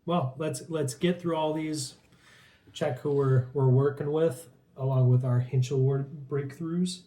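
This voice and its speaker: A man's voice: on the high side, steady tone, a little slow, dark tone. A man chatting casually as co-host of a pack opening. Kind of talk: casual chat. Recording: echoey room with faint noise, crinkling packs.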